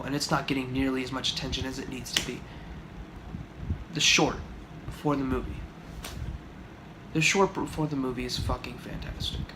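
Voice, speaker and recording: A young man giving an exasperated, profane, sarcastic movie review rant on his vlog. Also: mid-range voice. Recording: noisy home recording.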